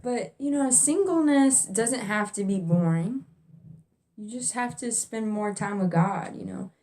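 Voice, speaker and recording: A woman's voice: fairly high pitch, animated, a little slow, warm tone. A young woman vlogging faith advice to single viewers, casual and direct, repeating her key points.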